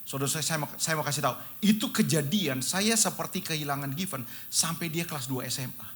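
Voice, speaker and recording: A middle-aged male pastor preaches an emotional sermon built on storytelling, often speaking straight to the congregation and repeatedly calling them brothers and sisters. His voice is fairly high and a bit bright, and he talks fairly quickly.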